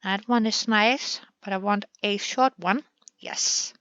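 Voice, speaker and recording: A woman's voice: medium pitch, takes it slowly, a bit bright, clean tone, no room sound, highs cut off. A woman hosting a gaming channel, chatting through a building session in a playful way and talking to the game pieces as she works.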